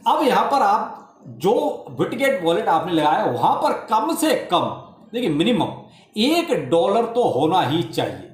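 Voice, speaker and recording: A man's voice: sits high, very animated, takes it slowly. A man giving casual, chatty crypto updates to his viewers, often calling them brother and repeating filler phrases. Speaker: crypto YouTuber. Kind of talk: casual explainer talk to viewers. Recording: roomy echoey room sound.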